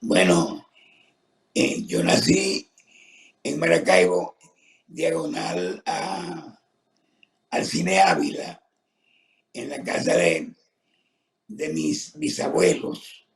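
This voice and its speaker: An older man who speaks slowly and haltingly, his voice distorted and rough from a tracheotomy, answering interview questions. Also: a little high, very animated, reverberant. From Venezuela. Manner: slow, halting, with many pauses and fillers. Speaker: retired professor, guest.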